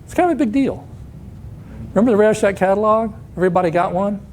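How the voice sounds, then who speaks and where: At a conference hall, a man in his sixties gives a storytelling talk, sharing anecdotes and acting out the voices of those he quotes. He sits high and talks fast, with a darkish tone and slight background noise.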